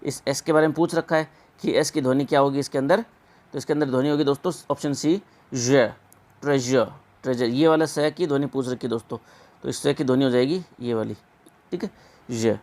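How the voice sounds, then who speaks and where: A man teaching an exam-prep English pronunciation lesson, repeating words slowly and drawn out. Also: medium pitch, a little mellow.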